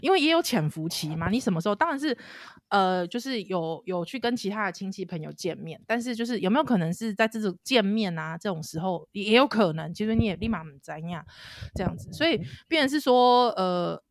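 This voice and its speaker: A woman's voice: mid-range voice, animated, fairly quick, no room sound, clean studio sound. A woman podcast host with a Taiwanese accent chats casually while wearing a face mask, slightly muffled, often repeating words for emphasis. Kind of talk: casual podcast chat mixing Mandarin and Taiwanese Hokkien. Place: living room at home, recording remotely.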